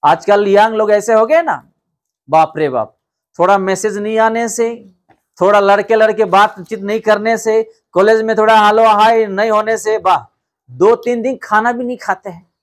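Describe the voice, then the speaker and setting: A pastor with a high-pitched, steady voice preaches at a moderate pace, addressing the congregation directly. He poses rhetorical questions, tells stories, and calls out "hallelujah" again and again.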